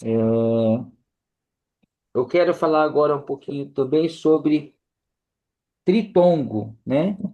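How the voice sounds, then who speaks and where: Brazilian man teaching grammar, higher voice. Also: muffled recording. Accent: Brazilian Portuguese. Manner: unhurried, explains step by step, often ends phrases with a checking tag. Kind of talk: church course lesson.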